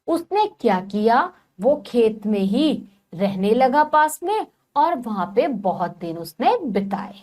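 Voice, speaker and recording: Woman, teacher, storytelling lesson for children, retells each passage, asks children questions, slow, lively pitch.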